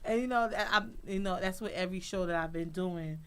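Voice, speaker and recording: A woman guest on a talk show, a fashion designer telling stories in a blunt, chatty way and jumping into a high voice to act out what people said. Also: a little fast, clean tone. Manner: lively storyteller, acts out quotes in a high voice; blunt, chatty, says "honey" often. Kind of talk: casual talk-show interview.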